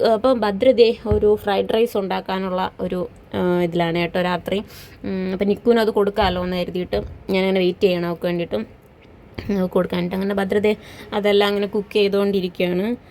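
A woman's voice: mid-range voice, mellow. A woman, chatting casually in a home family vlog as a mother, tagging her sentences with a friendly "kettō". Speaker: vlogger, mother.

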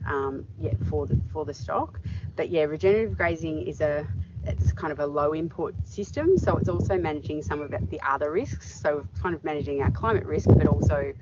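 A middle-aged woman farmer answering interview questions outdoors in a paddock, thoughtful and full of fillers. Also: low voice. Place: open farm paddock outdoors. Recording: dull audio with clear background noise.

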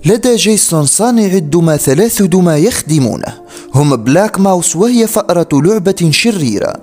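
A man's voice: fairly high pitch, darkish tone. A man reading a scripted horror story as its narrator. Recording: faint music behind the voice. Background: music.

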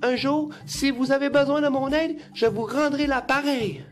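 A man's voice: very high-pitched, steady tone, normal speed, soft background music, voice pushed up. A man voicing a tiny frightened female mouse in a storybook, stammering and pleading. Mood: earnest.

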